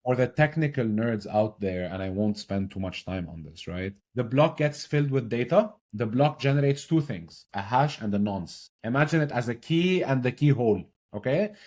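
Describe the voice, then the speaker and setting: A man's voice: medium pitch, moderate pace, few pauses. Lebanese-born man explaining things energetically. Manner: energetic, explains with repeated "right?" check-ins. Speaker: podcast guest, blockchain consultant. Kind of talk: casual explanatory interview talk.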